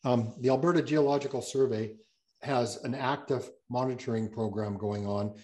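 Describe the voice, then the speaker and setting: A man's voice: mid-range voice, fairly even intonation, moderate pace, mellow. A man speaking as a guest geologist, answering audience questions on a video call in a rambling, self-correcting way with many fillers.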